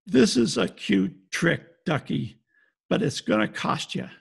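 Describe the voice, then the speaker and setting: Man playing Sam Spade, gravelly hard-boiled private eye. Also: high voice, measured pace, full character voice. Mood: cold, hard bargaining. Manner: wry, deadpan, tough-talking. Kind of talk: 1940s detective radio acting, narration and dialogue. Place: home, recorded over video call. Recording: video call recording with faint music behind.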